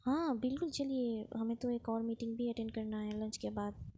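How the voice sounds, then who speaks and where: A composed, middle-aged businesswoman mother, as a woman narrator plays her in a narrated story, speaking formally and politely. The voice is mellow and a touch high. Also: steady tone, moderate pace, lightly acted.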